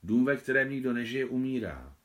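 A man's voice: medium pitch, big pitch swings, a bit bright, pitched above the performer's own voice. A man voicing a shrewd, talkative woman, a marshal's wife, in an audiobook reading, chatty and lecturing. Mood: confident. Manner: chatty, self-assured, lecturing.

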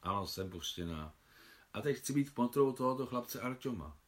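A man's voice: mid-range voice, animated, natural voice. A man voicing a young woman who answers firmly and curtly. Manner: firm, curt replies. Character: young woman, firm and defiant.

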